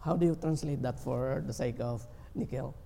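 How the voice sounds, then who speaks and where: A man from the Philippines preaching a sermon as a pastor, earnest and slow, sometimes acting out pleading prayers. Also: medium pitch, creaky, dark tone. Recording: long hall reverb.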